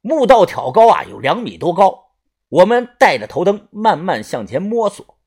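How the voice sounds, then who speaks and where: A man reads a first-person adventure tale aloud, his voice husky and breathy at the edges. His pitch swings widely, rising and dropping with the telling. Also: moderate pace. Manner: animated storytelling. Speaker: storyteller. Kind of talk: first-person audiobook narration.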